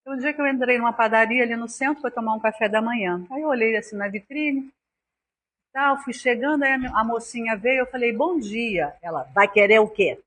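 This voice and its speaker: Brazilian woman lecturer, husky, fairly high voice, earnest spiritual talk. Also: brisk, a bit bright. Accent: Brazilian Portuguese. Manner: earnest, acts out anecdotes with quoted voices.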